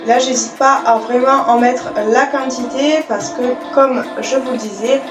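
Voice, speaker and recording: Brief: woman beauty vlogger, high bright voice, chatty step-by-step talk, roomy echo. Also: steady tone, unhurried, music in the background. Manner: chatty, explains each step with fillers. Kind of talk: casual makeup tutorial narration.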